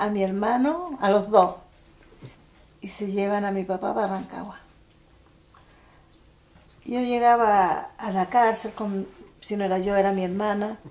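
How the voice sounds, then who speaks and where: An older woman with a Chilean accent, recalling events in halting testimony with many restarts. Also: mid-range voice, a little mellow. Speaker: interviewee. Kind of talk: personal testimony for a documentary.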